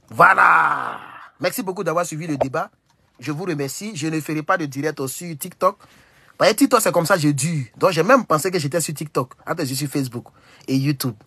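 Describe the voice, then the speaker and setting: Young Ivorian man, livestream host, Ivorian French accent, husky, animated rhetorical delivery. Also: fairly high pitch, dry recording. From Côte d'Ivoire. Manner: animated, rhetorical, repeats questions. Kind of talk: casual livestream monologue.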